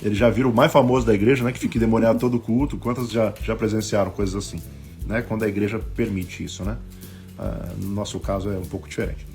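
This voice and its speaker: A man with a Brazilian Portuguese accent, a bishop preaching a sermon on a live stream, telling stories and acting out the voices in them, swinging between loud bursts and hushed asides. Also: fairly low pitch, steady tone, quick pace, vocal fry, faint music behind. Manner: acts out quoted voices in his stories.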